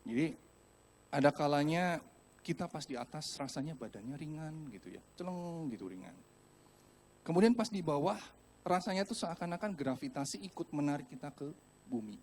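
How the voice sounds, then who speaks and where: A man from Indonesia preaching a sermon in a church, telling a personal story with animated, acted-out voices and speaking directly to the congregation. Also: a little high, moderate pace, long pauses, a little hiss or hum. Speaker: pastor. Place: church hall.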